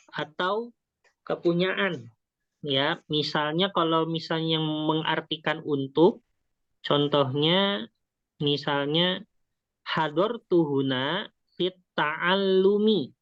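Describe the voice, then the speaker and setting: A patient teacher leads a beginner class at a slow, careful pace, repeating words and quizzing the students as it goes. Words are often broken off mid-syllable and then finished. The sound is dry and dull, like a lo-fi recording. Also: medium pitch, fairly bright tone, dry recording. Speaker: Arabic teacher. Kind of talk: beginner language lesson.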